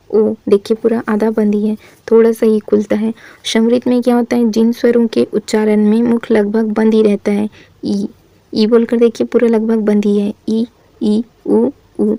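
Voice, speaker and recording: A woman teaching Hindi grammar in a classroom style, asking questions and answering them herself and sounding out vowels slowly for the listener. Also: on the high side, completely flat delivery, vocal fry, dark tone, no echo. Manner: asks the class questions then answers them, says "thik hai" often.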